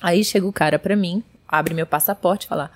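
A young adult Brazilian woman with a Brazilian Portuguese accent, a guest telling an animated story and acting out the voices of the people in it. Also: fairly low pitch, fairly quick. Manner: expressive, acts out voices in her stories.

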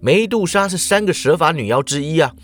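Male podcast host, casual myth storyteller, animated pitch, playful asides. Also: fairly quick. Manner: lively, chatty, with playful asides. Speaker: podcast host retelling myths.

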